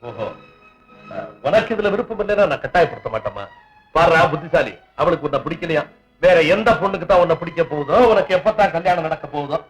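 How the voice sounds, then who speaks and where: Casting: an indulgent, teasing household head in a classic 1960s film drama, voice fairly high and lively in pitch, played by a man. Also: fast, faint music behind, close to an everyday voice, poor audio. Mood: genial, teasing. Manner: indulgent, calls her 'ma', teasing. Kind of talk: 1960s Tamil film acting.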